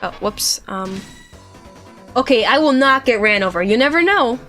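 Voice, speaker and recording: A woman's voice: a little high, expressive, normal speed, fairly bright tone, faint music behind. A woman, not a native English speaker, streaming a game and casually reading chat aloud with lots of fillers. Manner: chatty, filler-heavy commentary. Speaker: gaming streamer.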